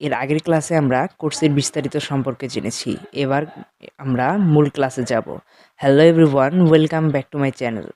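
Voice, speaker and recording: A man teaching beginners in a slow, explanatory way with a Bengali accent, talking directly to his students. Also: medium pitch, steady tone, darkish tone. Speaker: English teacher. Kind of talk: spoken lesson.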